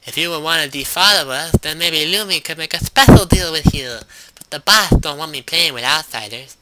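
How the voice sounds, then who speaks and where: A man voicing a small, hyperactive female goblin alchemist with an eager sales pitch. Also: lively intonation, normal speed, heavy background noise, lightly acted. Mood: salesy.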